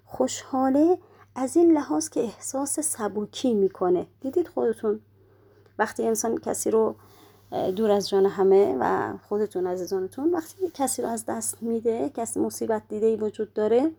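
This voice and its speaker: A woman's voice: fairly high pitch, vocal fry, mellow, breathy edge. A woman giving a religious lecture, explaining step by step and posing rhetorical questions that she then answers herself. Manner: slows down to recite prayer quotations.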